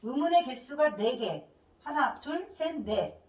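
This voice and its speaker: A woman's voice: sits high, big pitch swings, a little slow. A woman teacher giving a classroom grammar lecture, asking questions and answering them herself and drilling letters one by one. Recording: echoey room, mic at a distance.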